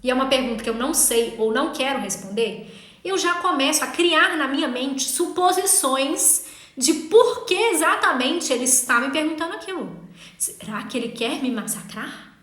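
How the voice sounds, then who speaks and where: Fast, emphatic woman teaching. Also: high voice, lively intonation, fairly bright tone, roomy sound. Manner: fast, emphatic talk with frequent "tá?" checks. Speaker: legal writing instructor. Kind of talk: online lesson.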